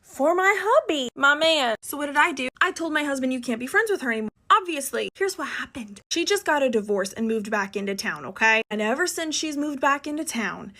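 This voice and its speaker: A woman's voice: sits high, expressive, normal speed, few pauses, sharp tone. A young woman telling a storytime vlog in a casual, emphatic, dramatic way, keeps asking "okay?". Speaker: vlogger.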